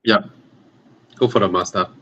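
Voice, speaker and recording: A man's voice: on the low side, fairly even intonation, fast talker, a bit bright. A man with a Malaysian English accent co-hosting a live car Q&A, mostly giving short, direct agreeing replies. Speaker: co-host of a car buying Q&A. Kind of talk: live stream casual chat. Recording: dull lo-fi stream audio.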